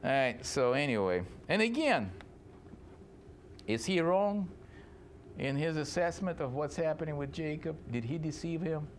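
Animated, chatty pastor, man. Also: fairly high pitch, unhurried, pauses often, a little hiss or hum. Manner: chatty, laughing, acts out scenes. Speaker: pastor teaching a Bible class. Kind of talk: casual Bible study teaching. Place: church classroom.

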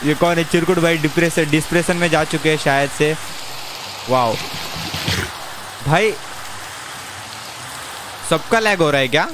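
Excitable young man streaming a game. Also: fairly high pitch, measured pace, long pauses, background noise. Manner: excitable, pleading and joking in bursts. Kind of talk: casual live game stream commentary. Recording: game music playing behind the voice.

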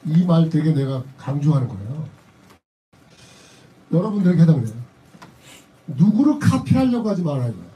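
A man's voice: fairly high pitch, very animated, normal speed, pauses often, warm tone. A middle-aged man giving a motivational seminar speech to a live audience, emphatic and repeating his key phrases, often slipping into blunt casual talk. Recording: voice a bit distant from the mic.

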